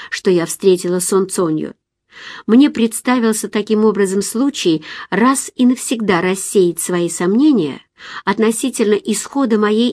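A woman narrating an audiobook in a calm, measured, introspective way. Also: mid-range voice, no echo, clean studio sound. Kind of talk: scripted narration.

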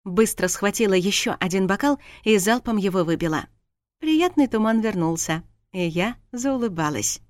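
A woman reading a first-person audiobook in an even, intimate tone. Her voice sits in a middle register. The recording is dry and close, with no room around it. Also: medium pitch, normal speed, dry recording. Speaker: audiobook narrator. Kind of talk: first-person fiction narration.

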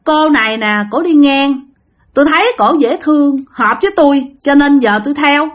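A woman's voice: high-pitched, normal speed, pitched above the performer's own voice, natural voice. A woman voicing the ghost of a rude young man who talks insolently, with a Southern Vietnamese accent. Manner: insolent, pleading.

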